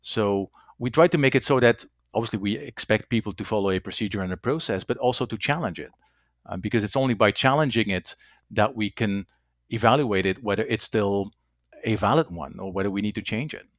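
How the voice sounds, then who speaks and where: Halting and low-voiced, this man is a company executive guest from Belgium, a native Dutch speaker, answering interview questions conversationally. He often repeats words and ends sentences with "right?". The sound is dry, studio quality.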